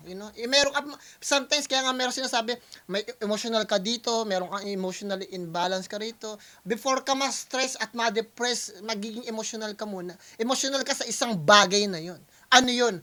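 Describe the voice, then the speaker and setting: Bright-voiced man explaining at length. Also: sits high. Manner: long-winded, explains step by step, often asks "di ba?"; Taglish, switches between Tagalog and English. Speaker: music producer reacting to a rap battle. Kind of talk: casual explanatory talk to viewers.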